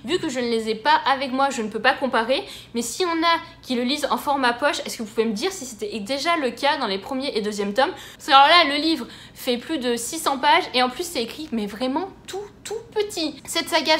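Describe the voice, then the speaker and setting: A woman's voice: high voice, fairly quick, few pauses, fairly bright tone. A woman chatting casually to camera as a book vlogger, talking through her latest book haul in a chatty, enthusiastic way. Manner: chatty and enthusiastic, with frequent fillers.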